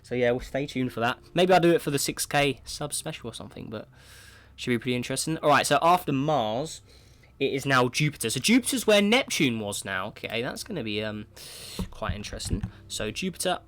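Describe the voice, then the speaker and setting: Fairly quick and animated, this man's medium-pitched, fairly bright voice comments on a space simulation game despite a cold and sore throat. The gaming video creator thinks out loud casually, frequently starting with "right, so."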